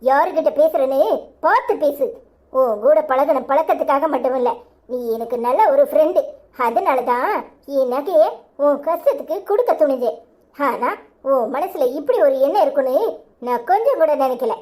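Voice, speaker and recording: A young village wife in a Tamil cartoon, with a Tirunelveli accent. Her voice sits high and bright, and she talks earnestly, turning to sharp scolding. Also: expressive, normal speed. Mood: indignant. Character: trusting young wife turned angry. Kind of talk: cartoon voice acting.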